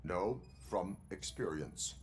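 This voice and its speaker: An actor playing a stoic cyborg police officer in a video game, instructing in a formal, deliberate, steadying voice. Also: male voice, sits low, expressive, slight background noise. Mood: matter-of-fact.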